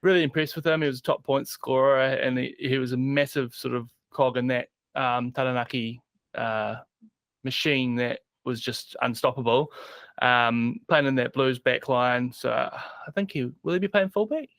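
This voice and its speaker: A man chatting as a podcast panelist, halting and thinking out loud. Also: medium pitch, no room sound. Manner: hesitant, lots of ums and restarts. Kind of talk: casual sports chat.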